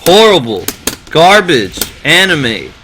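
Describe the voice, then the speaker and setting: A man's voice: a little high, big pitch swings, takes it slowly, pushed and bright, faint music behind. A man ranting in casual, profane, exasperated talk to his live-stream viewers, telling a story with lots of animation.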